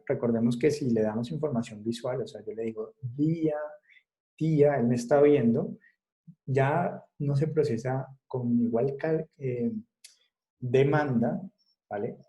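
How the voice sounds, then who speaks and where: Slow, mellow-voiced man teaching online. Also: medium pitch, low-quality recording. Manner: checks in often with short questions; halting, with many fillers and restarts. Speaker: psychology lecturer. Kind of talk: online class lecture.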